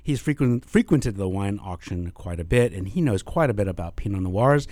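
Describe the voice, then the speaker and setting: A man's voice: fairly low pitch, expressive, moderate pace, a little mellow, no room sound. A man hosting a radio talk show in a studio, enthusiastically introducing his guest and asking him questions.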